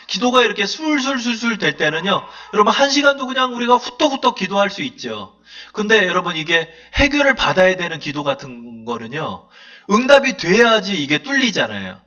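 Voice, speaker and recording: A male pastor delivering a sermon in a high, bright voice that keeps rising as he acts out prayers. His preaching is fervent and pleading. The recording sounds dull and lo-fi.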